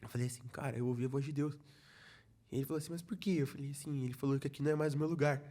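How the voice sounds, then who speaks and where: A young man from Brazil tells a personal faith testimony as a podcast guest. He talks in an easy, chatty storytelling way at a middle pitch and keeps acting out what other people said to him. It is casual conversation, not a performance. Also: steady tone, racing, dark tone. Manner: storytelling, acts out quoted dialogue, many "falei assim" asides. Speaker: podcast guest, youth ministry leader.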